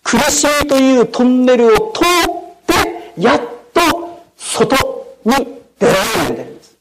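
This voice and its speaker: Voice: mid-range voice, slight background noise, rough recording. A pastor delivering a sermon in a formal, explanatory way, often ending sentences with solemn set phrases and asking the listeners questions. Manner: formal preaching with frequent "de arimasu" sentence endings. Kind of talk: sermon with storytelling.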